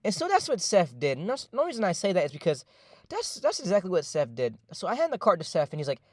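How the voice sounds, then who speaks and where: A young man tells a personal story in casual voice-over, rambling and full of slang, profanity and fillers. He talks fast in a slightly high voice. The sound is dry and close. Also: wildly swooping pitch, no room sound.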